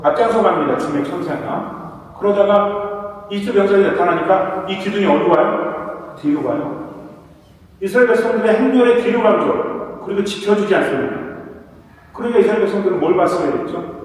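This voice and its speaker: Priest, male, Korean, question-and-answer sermon cadence, higher voice, far off in a reverberant hall. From South Korea. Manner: asks the audience questions, then answers them himself. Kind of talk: sermon-style lecture. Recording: echoey hall recorded from far off.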